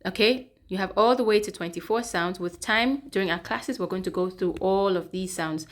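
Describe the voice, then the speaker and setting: A woman's voice: mid-range voice, normal speed. A woman teacher giving a step-by-step pronunciation lesson, repeating sounds and checking in with "okay". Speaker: English teacher. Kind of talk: classroom-style pronunciation lesson.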